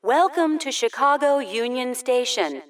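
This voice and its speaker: A woman acting as a female station announcer gives a formal, courteous public announcement. Her voice is fairly high and slightly distant from the microphone. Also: animated, unhurried. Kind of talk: scripted railway public announcement.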